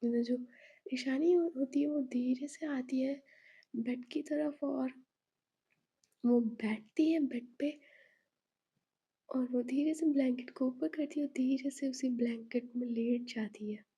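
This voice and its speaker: Breathy, husky woman narrating a story. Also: high-pitched, steady tone, a little slow, long pauses, warm tone. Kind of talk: scripted narration of a serialized love story.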